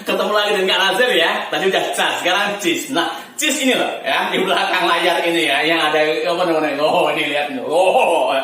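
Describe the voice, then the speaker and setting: A bright, high-voiced man leads a storytelling lesson in a chatty, laughing way, his pitch swinging up and down. He stands a little away from the mic, and the room rings with strong echo. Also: brisk, few pauses. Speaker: storytelling teacher. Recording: echoey room from far off.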